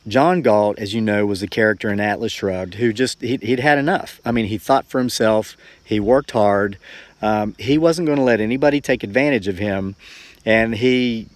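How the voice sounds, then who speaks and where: This homesteading vlogger, a man of forty-four, chats with his viewers in a relaxed, thoughtful way, meandering through his stories with a folksy earnestness. His voice sits on the lower side, his pace is ordinary, and there's no echo.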